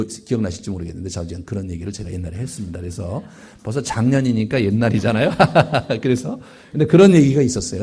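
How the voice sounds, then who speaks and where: A man preaching a Bible lecture as a pastor, animated and full of rhetorical asides. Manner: animated, rising and falling sharply in pitch and loudness, rhetorical "예?" asides.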